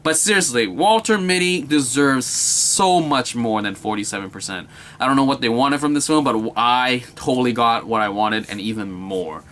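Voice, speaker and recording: A man's voice: medium pitch, moderate pace, a bit bright. A young man giving a casual, enthusiastic movie review, rambling and repeating himself with many filler words.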